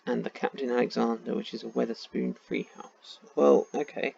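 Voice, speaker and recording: A man's voice: mid-range voice, steady tone, normal speed, creaky, a little mellow, a little hiss or hum. A man with a tired voice, thinking aloud in casual commentary while playing a map game. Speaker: game streamer. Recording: dull lo-fi sound.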